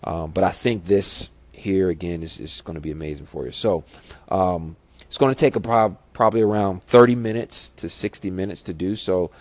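A man's voice: sits low, moderate pace, a little mellow, no echo. A man hosting a casual solo podcast, nasal from a stuffy nose, giving encouraging, instructive advice straight to the listener. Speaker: podcast host.

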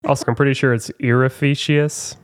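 A man's voice: medium pitch, level tone, a little fast. A man hosting a trivia podcast, chatting casually and teasing his co-hosts with a laugh. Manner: playful, teasing, laughs a lot. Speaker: podcast host. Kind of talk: casual chat.

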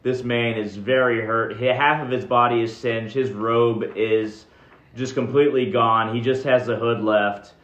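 A man's voice: mid-range voice, steady tone, unhurried, fairly bright tone. Male game master, easygoing narration, dull roomy recording. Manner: laid-back, chuckling, descriptive.

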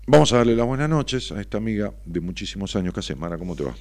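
A man with a Rioplatense Spanish accent, a psychologist hosting a late-night radio show, talking in an animated way with rhetorical questions and fillers. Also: lowish voice, fast, no room sound.

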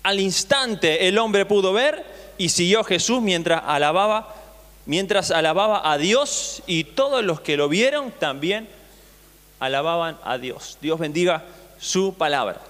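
A man's voice: high-pitched, animated, unhurried, a bit bright. A male pastor preaching a sermon, reading scripture aloud and retelling it with acted voices, often asking the congregation questions. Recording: long hall reverb.

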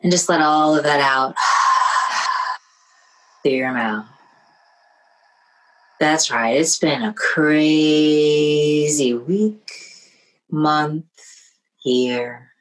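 Very slow, low-voiced woman guiding meditation. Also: low-quality recording. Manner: slow, soothing, hushed. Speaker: meditation guide. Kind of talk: guided meditation.

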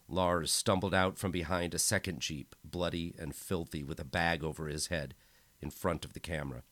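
A man narrating a novel as an audiobook in a measured, steady reading. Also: low-pitched, dry recording.

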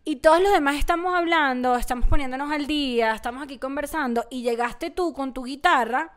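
A woman co-hosting a casual chat, telling animated stories full of slang and English words. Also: high voice, a little fast. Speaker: podcast co-host.

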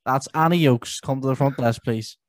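A man putting on a stumbling, drawn-out supermarket announcement voice over a video call. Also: medium pitch, dry recording, close to an everyday voice. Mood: mock formal. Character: mock supermarket tannoy announcer, male, politely formal. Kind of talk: jokey impression in a podcast chat. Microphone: own mic on a video call.

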